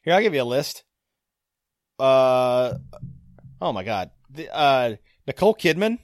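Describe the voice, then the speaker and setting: A man's voice: mid-range voice, big pitch swings, measured pace, dry recording, clean studio sound. A man co-hosting a casual movie podcast, playful and rambling with jokes. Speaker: podcast co-host.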